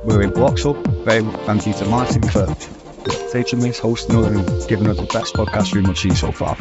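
A man's voice: on the low side, fairly even intonation, brisk, over loud music. A man hosting a podcast panel, opening and steering the talk with upbeat, rehearsed phrasing. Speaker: podcast host. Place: podcast room. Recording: slightly muffled podcast recording.

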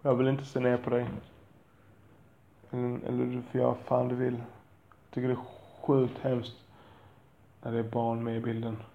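Blunt, cursing father with a gravelly voice. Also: mid-range voice, monotone, pauses often, echoey room, dull audio, slight background noise. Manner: blunt and profane, rambling, self-deprecating. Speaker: father talking about parenting. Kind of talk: candid monologue.

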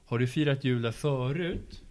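A man at a school interviews pupils, patient and encouraging, with a voice of ordinary middle pitch. He asks slow, gentle follow-up questions in a casual tone. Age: adult. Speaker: school after-school staff interviewer. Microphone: handheld mic passed to pupils.

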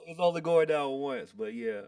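A man's voice: a little high, normal speed, darkish tone, clean tone, no echo, studio quality, recorded from a distance. An American man in casual chat with friends, talking in a slangy, buddy-like way full of "bro".

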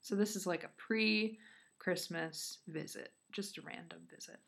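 A woman's voice: on the low side, unhurried, gravelly, a bit bright. A woman with a Michigan accent co-hosting a podcast, telling a story casually with giggly, informal asides. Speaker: podcast co-host.

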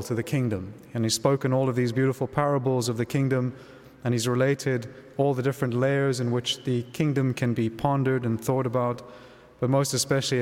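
A male priest speaks at Mass in a medium-pitched voice. His delivery is measured and reflective, suited to scripture and homily. Every phrase carries a long cathedral echo from the large church around him. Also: darkish tone. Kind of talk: liturgical Gospel reading and homily.

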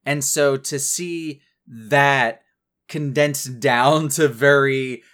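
A man in casual podcast chat, recapping a cartoon episode in animated detail with many fillers. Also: medium pitch, very slow. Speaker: podcast co-host.

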